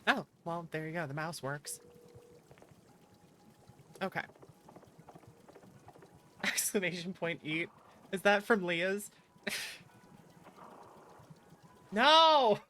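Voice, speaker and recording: Extremely slow and pausing often, this woman's lowish, expressive voice is fairly bright, with slight background noise alongside background music. A virtual YouTuber, she chats casually and playfully on stream, teasing viewers and reacting animatedly to chat.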